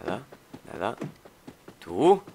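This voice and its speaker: Slow and sing-song, this fairly low, dark male voice carries a slight hiss or hum. It belongs to a young gaming YouTuber from Spain doing let's play commentary, chatty and exclamatory, muttering while he looks around.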